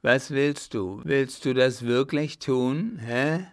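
Brief: male reader as a boozy brawling clown, gravelly and loud, slow menacing delivery. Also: medium pitch. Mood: drunk, furious. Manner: loud, growling threats. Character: drunken jealous male clown, coarse and threatening. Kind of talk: audiobook character voice.

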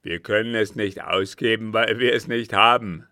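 A gruff, scheming captain, as an audiobook reader puts him on, loud and grim, with a low, gravelly growl to his voice. He pushes every line hard and tense, in a dry, close reading. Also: fairly even intonation, measured pace, no room sound, full character voice. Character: gruff scheming male captain, quick to rage. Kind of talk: audiobook character voice.

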